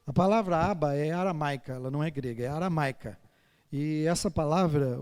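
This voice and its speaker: Older pastor preaching in a hall. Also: male voice, high-pitched. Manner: swings from soft and intimate to loud and emphatic. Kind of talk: sermon. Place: church sanctuary. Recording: long reverb of a church hall.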